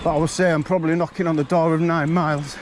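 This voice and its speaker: A man's voice: fairly high pitch, level tone, fast, background noise. A man, a bit out of breath, chatting bluntly to camera while riding an e-bike up a forest trail. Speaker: mountain biking vlogger.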